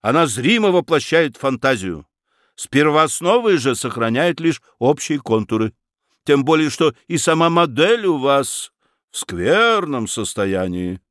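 Casting: man playing a lofty, stern occult count, slow and grand, dry close sound. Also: medium pitch, big pitch swings, a bit bright, no room sound, pitched above the performer's own voice. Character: smooth, imperious mystic count, man. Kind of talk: audiobook character voice.

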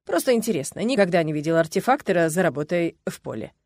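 A woman voicing an easygoing, curious young male necromancer who speaks calmly and with a mild tease. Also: fairly low pitch, fast talker, no echo, studio quality.

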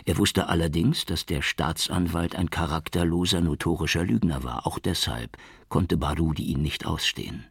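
A man reading an audiobook with steady, measured narration. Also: deep voice, gravelly, slightly rough, dry recording, clean studio sound. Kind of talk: scripted narration.

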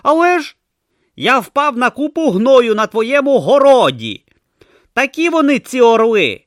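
A man voicing a grumpy, sarcastic god stuck in a male tortoise's body, snapping loudly in an audiobook. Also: very high voice, sing-song, unhurried, no room sound, clean studio sound, voice pushed up, heavily acted. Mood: grumbling. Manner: snappish, loud, exasperated. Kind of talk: audiobook character voice.

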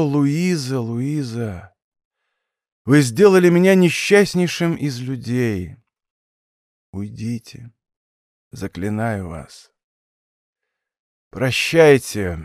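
A man voicing a heartbroken young nobleman who speaks slowly and gravely in an audiobook. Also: mid-range voice, no echo, studio quality. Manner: slow, grave, bitterly measured speech. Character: young nobleman, bitter and heartbroken yet gallant.

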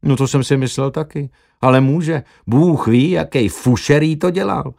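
A man's voice: medium pitch, creaky, a little mellow. A man voicing a brash, crude young male doctor who talks in a cheeky, boastful way.

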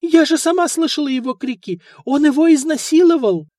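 A man voicing a poor middle-aged widow who sobs and begs in a high, wailing voice, as the reader of an audiobook. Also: a little fast, dark tone, dry recording, studio quality. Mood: sobbing plea. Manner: wailing, tearful pleading. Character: poor widowed mother, sobbing, begging.

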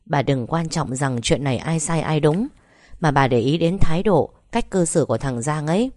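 A woman voicing a calm older husband who gently reasons with his angry wife. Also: sits low, moderate pace, no echo, clean studio sound. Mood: calm reasoning. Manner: soothing, persuasive.

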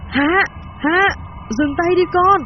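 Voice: medium pitch, fairly quick, lo-fi sound, background noise, pitched above the performer's own voice, close to an everyday voice. Brief: grieving old granny, put on by a narrator, begging through tears. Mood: crying out. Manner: tearful, imploring. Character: elderly grandmother, grieving and pleading.

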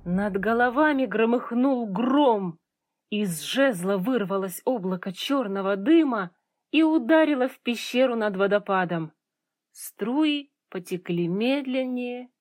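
Higher-voiced woman reading a children's story. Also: animated, unhurried, no echo, studio quality. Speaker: audiobook reader. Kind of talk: scripted children's story narration.

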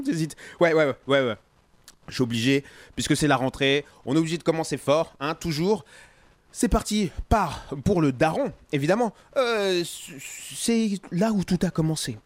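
Lively, chatty male radio host. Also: a little high, no room sound. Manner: chatty and playful, many fillers, chuckles at his own asides. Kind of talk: casual music radio presenting. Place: radio studio.

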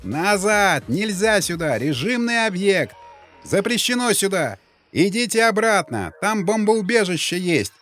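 A stern army officer barks orders to hold back a crowd, as a male reader plays him. His shouting is loud, clipped and raised in pitch. It is an audiobook with faint music behind. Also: animated, moderate pace. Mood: commanding shout. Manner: barking orders.

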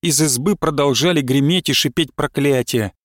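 A man narrating literary prose in a measured, expressive audiobook reading. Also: a little high, no echo, clean studio sound.

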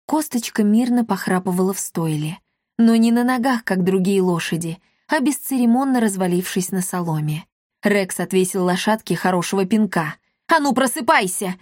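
A woman reading a children's fantasy story aloud, lively and dramatic, on a close microphone. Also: medium pitch, moderate pace, no echo. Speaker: audiobook narrator. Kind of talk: expressive audiobook reading.

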